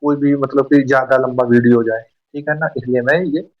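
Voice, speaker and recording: A man teaching an exam-prep lesson in a fast, chatty way, often asking and answering his own questions. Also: medium pitch, fairly even intonation. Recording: dull, slightly distant mic.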